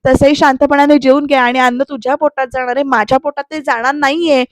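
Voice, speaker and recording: A woman's voice: high voice, steady tone, fast talker, no echo, studio quality, close to an everyday voice. Woman reading as a bossy, cheeky young woman. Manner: teasing, insistent.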